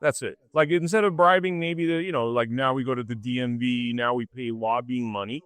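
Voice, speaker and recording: A man's voice: mid-range voice, a little fast, clean tone, no echo. A man hosting an interview, chatting casually and agreeably and often chiming in with short replies. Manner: lively, agreeable, frequent back-channel. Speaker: interview host.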